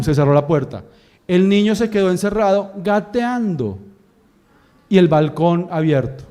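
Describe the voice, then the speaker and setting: A pastor preaching with a notably high, light voice. He tells his story with lively energy, playing out each scene and the people in it as he goes. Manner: animated storytelling, acts out scenes. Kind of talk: sermon.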